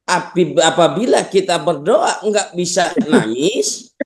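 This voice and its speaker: Indonesian male preacher, slightly high voice, animated humorous sermon delivery. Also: slow pace. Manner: lively, humorous storytelling with Arabic phrases.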